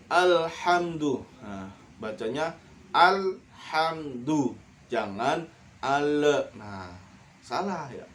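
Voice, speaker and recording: A man teaching a Quran lesson, reciting verses in a slow, drawn-out chant and then quickly correcting pronunciation. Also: medium pitch, slight background noise.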